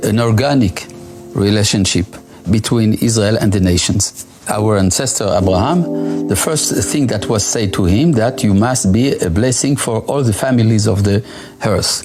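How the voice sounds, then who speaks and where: A man explaining his view calmly, with deliberate, halting phrasing. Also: fairly low pitch, over music.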